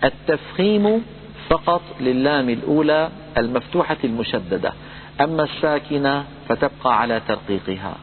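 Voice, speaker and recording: A man teaching Quran recitation rules, patiently repeating points and slowly chanting example words. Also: medium pitch, animated. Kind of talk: lesson on tajweed rules. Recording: phone-like audio with hum and reverb.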